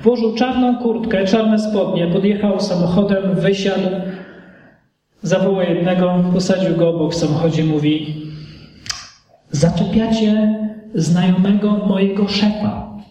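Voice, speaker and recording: A man preaching a sermon emphatically, with rhetorical questions and big swings in pitch. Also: fairly even intonation, normal speed, mellow, dull audio. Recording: echoey hall from far off.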